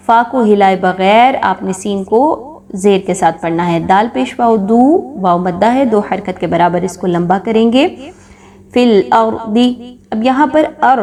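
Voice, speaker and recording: Woman, recitation tutor, patient explaining, slow stretched recited words, mid-pitched voice. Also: a little mellow. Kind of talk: tajweed lesson.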